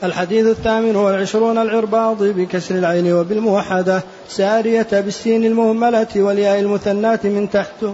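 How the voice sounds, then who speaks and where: A high-pitched man recites a classical text quickly and steadily, pausing to spell out the vowels of each word. The lo-fi recording sounds dull, with a faint hiss in the background.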